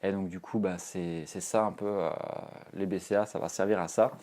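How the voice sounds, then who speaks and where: A young man talks straight to camera about fitness in a loose, rambling way. His voice sits fairly low, and he leans hard on fillers and restarts as he goes. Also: fairly even intonation, brisk, a little mellow. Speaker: fitness vlogger. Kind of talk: casual advice to camera.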